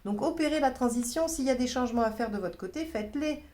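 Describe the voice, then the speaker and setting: French-speaking woman giving a relaxed tarot reading. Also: sits high, quick pace. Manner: thinking aloud, many fillers, reassuring asides. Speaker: tarot reader. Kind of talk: casual tarot reading monologue.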